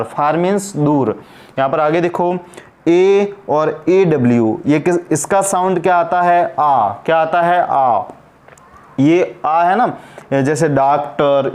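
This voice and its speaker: A man teaching an English pronunciation lesson, asking questions and answering them himself as he repeats each word. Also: fairly high pitch.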